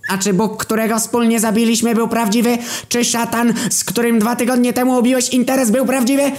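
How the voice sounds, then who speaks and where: A man putting on a high, strained, unhinged friend. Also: brisk. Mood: cryptic. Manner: flat and matter-of-fact, even about violence. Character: cynical, unhinged male friend with angel blood. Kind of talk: storytelling.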